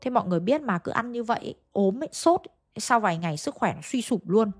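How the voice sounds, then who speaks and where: A woman's voice: fairly high pitch, lively intonation, quick pace, husky, soft background music. A woman narrating a ghost story in a chatty way, speaking straight to her listeners. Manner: chatty, addresses listeners directly.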